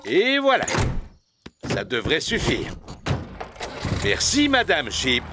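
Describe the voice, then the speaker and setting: A man's voice: on the high side, wildly swooping pitch, slow, noisy background, heavily acted. A man voicing a cheerful, easygoing father pig in a dubbed cartoon, with a jolly, fatherly manner. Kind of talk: French cartoon dubbing.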